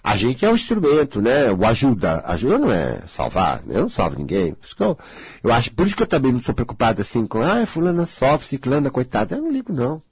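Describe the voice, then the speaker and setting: A man's voice: mid-range voice, huge pitch swings, fast talker, a little mellow, slightly rough, no room sound. A man in his sixties from Brazil, a spiritual healer talking casually and bluntly, acting out the voices of others. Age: 60s.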